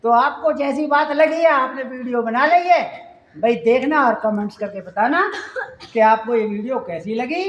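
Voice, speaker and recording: A woman's voice: high voice, moderate pace. A woman telling a funny folk story in an amused, chatty way, in a dull, echoey recording.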